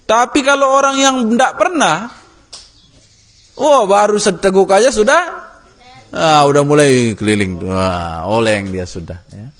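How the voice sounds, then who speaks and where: A man's voice: high-pitched, a little slow, pauses often. A man teaching an Islamic study lesson, telling stories vividly and asking his class questions. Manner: animated storytelling, acts out characters, asks the class questions. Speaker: religious teacher.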